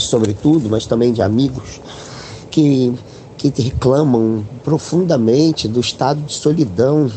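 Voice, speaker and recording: A man, a philosophy professor, giving a thoughtful podcast monologue and slowing down on key words. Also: medium pitch, warm tone, slight background noise, rough recording.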